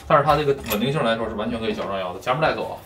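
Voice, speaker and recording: A man's voice: mid-range voice, rapid-fire, fairly bright tone, distant mic. A man explaining things as a guitar technician in casual, colloquial chat.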